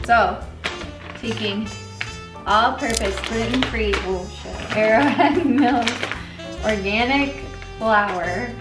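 A woman's voice: on the high side, takes it slowly, long pauses, far from the mic. A young woman, giggly, tipsy and sweary, bantering casually and reading aloud as co-host of a home cooking vlog. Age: young adult. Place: home kitchen, indoors. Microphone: camera mic at a distance. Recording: echoey kitchen, off mic, music. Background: background music.

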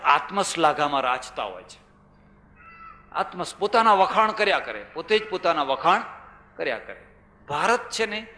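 An older man with a Gujarati accent delivers a religious sermon, spinning stories and driving points home with repetition and rhetorical questions. His voice is bright and forceful. It rings out through a large, echoey hall with a long reverb tail. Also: on the high side. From India. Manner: storytelling, rhetorical questions, repeats phrases for emphasis. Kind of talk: religious discourse to an audience.

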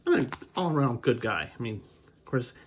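A medium-pitched, sing-song voice moves along briskly, with a little hiss or hum in the audio. The speaker is an American video host and baseball card collector giving relaxed, unscripted commentary on card packs, meandering slightly as thoughts come to him.

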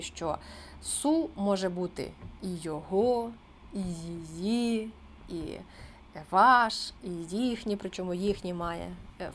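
A woman's voice: mid-range voice, slight background noise. Patient woman teaching a language lesson. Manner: patient, explanatory, slows down on example phrases. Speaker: Spanish teacher.

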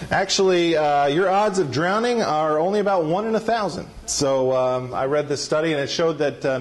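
A man preaching a sermon in a church, joking and quizzing the congregation. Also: a little high. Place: church sanctuary.

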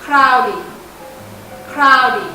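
A woman teacher giving a playful vocabulary lesson for children, acting out little skits and spelling words slowly. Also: high voice, pushed and bright. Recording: echoey, recorded from a distance, faint music.

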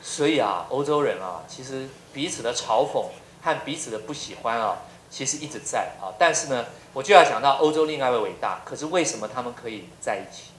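A man's voice: mid-range voice, lively intonation, brisk, hardly any pauses, a bit bright, slight background noise. A middle-aged man from Taiwan, a professor giving a lecture full of humorous anecdotes and rhetorical questions. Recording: roomy lecture hall.

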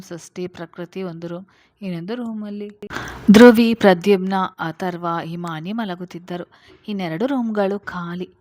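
A woman storyteller reading a serialized family novel aloud with steady, expressive narration. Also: fairly low pitch.

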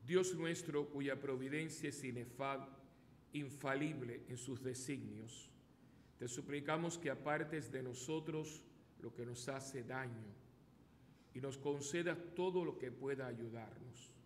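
A man leading Mass as a priest, praying in a measured, solemn, phrase-by-phrase way with cathedral-like echo. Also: mid-range voice. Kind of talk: slow liturgical prayer. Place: church sanctuary, indoors. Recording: echoey church hall, long reverb, background noise.

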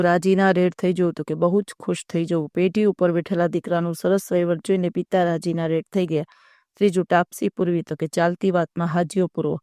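A teacher dictating workbook answers to students in a recorded video lesson, reading word lists at a steady pace. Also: mid-range voice, clean tone, no echo, studio quality.

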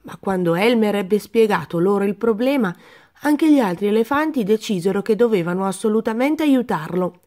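A woman reading a children's picture book aloud in a calm, gentle narrating voice. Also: medium pitch, moderate pace. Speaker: storyteller. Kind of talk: children's story read-aloud.

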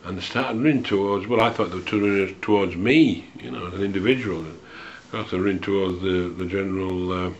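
A man recalls an old memory in a low, unhurried voice, pausing often and slipping in dry, wry asides. The recording is dull and lo-fi, with the top end muffled. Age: 60s. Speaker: storyteller recalling a student memory. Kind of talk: unscripted spoken memoir.

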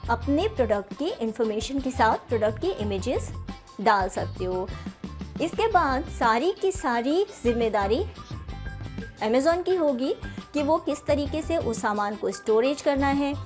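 A woman in her thirties who hosts her own channel explains ideas to the camera in a casual, friendly way, speaking to viewers directly and using fillers often, from an indoor room with bookshelves. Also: high voice. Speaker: channel host explaining online selling.

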